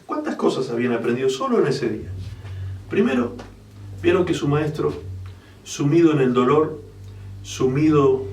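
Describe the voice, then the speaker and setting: A man's voice: mid-range voice, a little mellow, roomy sound, far from the mic. A male pastor preaching a sermon with drama. He acts out the Bible characters and often asks his listeners if they follow. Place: church hall.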